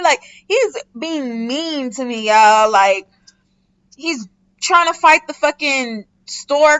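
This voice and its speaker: A young woman vlogger telling a casual storytime, animated and slangy, swearing often and talking straight to her viewers. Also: high-pitched. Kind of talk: casual storytime while doing a wig install.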